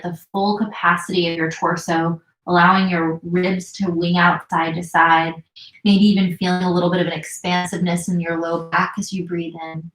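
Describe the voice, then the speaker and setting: Calm woman guiding yoga in an echoey room. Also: fairly low pitch. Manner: calm, slow, soothing cues with gentle pauses. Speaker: yoga instructor and counselor. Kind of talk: guided yin yoga instruction. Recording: roomy echo.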